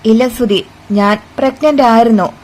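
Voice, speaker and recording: A woman's voice: on the high side, normal speed, darkish tone, natural voice, low-quality recording. A woman voicing a frightened young daughter-in-law who pleads tearfully, in a storybook retelling.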